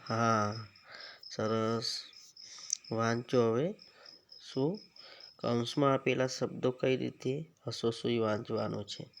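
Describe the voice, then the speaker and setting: Slow gravelly Gujarati man teaching kids. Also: medium pitch, a little hiss or hum. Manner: slow, explanatory, asks the children questions. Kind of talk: reading a story aloud to schoolchildren.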